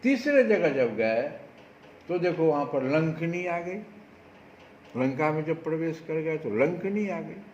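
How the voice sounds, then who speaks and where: Guy preaching a spiritual talk, bit high voice, asks the crowd questions, muffled recording with faint background noise. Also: takes it slowly, echoey room. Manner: animated preaching with rhetorical questions. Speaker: spiritual speaker. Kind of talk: devotional discourse.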